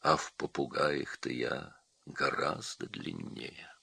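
Man voicing a grumbling storybook boa, low and hushed, slow, gravelly, doubtful. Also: steady tone, no room sound, full character voice. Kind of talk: storybook reading.

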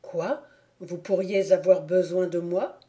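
An earnest young nobleman, a son begging to be left to his country life, voiced by a woman reader. The delivery is soft, slow and mellow, imploring rather than loud. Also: lowish voice, fairly even intonation. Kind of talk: audiobook character reading.

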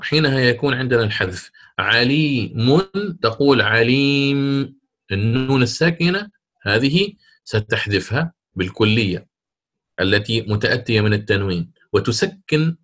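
A man teaching a lesson on Quran recitation rules, explaining step by step and stretching out example words slowly. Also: medium pitch, a bit bright. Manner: slow, drawn-out example words, repeats for emphasis.

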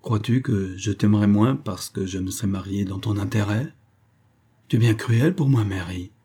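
A man's voice: on the low side, normal speed, warm tone, breathy edge. A man voicing a frail, worried father who pleads tenderly with his daughter, in a read-aloud novel.

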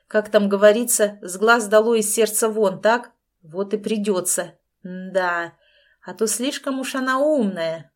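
A woman reading an audiobook, voicing a smug, menacing middle-aged male crook who mocks and threatens in a loud, casual way. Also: medium pitch, lightly acted. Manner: mocking, gloating, casually threatening.

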